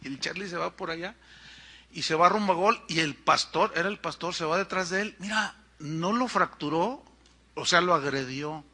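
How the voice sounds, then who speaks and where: Mexican pastor guy, high bright voice, animated sermon storytelling. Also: normal speed. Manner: animated storytelling with acted-out quotes.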